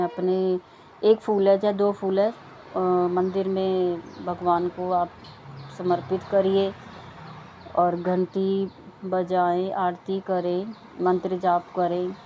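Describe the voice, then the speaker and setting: A woman's voice: on the low side, muffled recording, slight background noise. A woman with children giving an earnest devotional talk to listeners, repeating words of thanks and chanting mantras. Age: adult with children.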